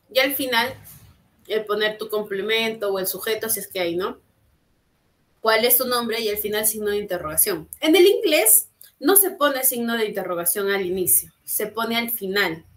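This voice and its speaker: A woman with a high, somewhat bright voice teaches English online, explaining things patiently. She keeps checking in with her students using frequent tag questions, and she is picked up by a computer mic on a video call.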